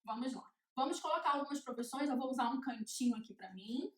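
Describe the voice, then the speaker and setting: A woman's voice: high voice, lively intonation, fast talker. A woman teaching a law class at a board, chanting checklists in a rhythm so they are easy to memorize. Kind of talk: classroom lecture at a whiteboard. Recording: echoey room.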